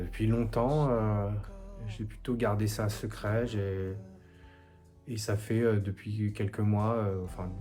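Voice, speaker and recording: A man in his forties from France, a songwriter giving a recorded support message in a soft, hesitant way with many pauses. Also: on the low side. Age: 40s. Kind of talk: recorded video testimony.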